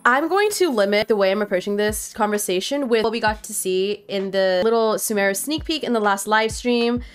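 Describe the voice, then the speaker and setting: A young Nepali student vlogs to camera, earnestly sharing her opinions in a casual way and saying "like" constantly. Her voice is brisk and smooth with lively jumps in pitch, and faint music plays behind her.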